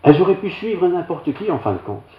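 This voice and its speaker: A homely, self-mocking childhood story comes from an older pastor with a Belgian French accent, preaching a storytelling sermon in a church hall. High-pitched and a little fast, his voice swings widely, and the roomy, slightly dull recording has a little hiss or hum.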